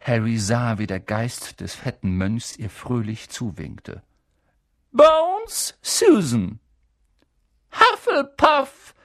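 Slow, calm man reading a story. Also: mid-range voice, no echo, clean studio sound. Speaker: narrator. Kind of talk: audiobook reading.

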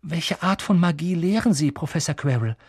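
A man's voice: a little high, lively intonation, normal speed, darkish tone, husky, no echo, studio quality. Man doing a polite young boy. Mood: eager. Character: polite, surprised boy wizard.

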